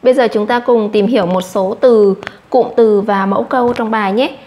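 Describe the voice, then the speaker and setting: A woman with a Vietnamese accent teaching English vocabulary to children. She repeats each English word slowly, then explains it. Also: a little high, steady tone, highs cut off.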